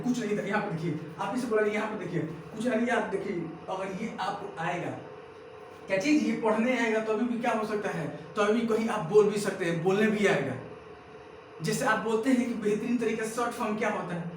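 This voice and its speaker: A very high-pitched man runs a pronunciation drill, saying each word over and over and firing back "what?" after it. He is recorded from a distance in a very echoey room, with faint noise underneath. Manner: drills words by repetition, keeps asking "what?". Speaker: English teacher.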